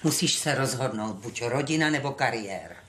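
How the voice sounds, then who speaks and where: A woman's voice: extremely low pitch, animated, fairly bright tone, echoey room. A traditional older mother who scolds and lectures in a firm voice. A noticeable noisy background sits under her. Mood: stern. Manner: stern, lecturing.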